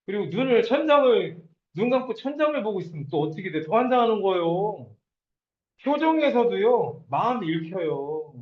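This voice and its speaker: A man's voice: high voice, lively intonation, normal speed. A man giving a lecture on network marketing, acting out quoted partners and sponsors as he speaks. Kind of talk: lecture to an audience. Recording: dull, echoey room.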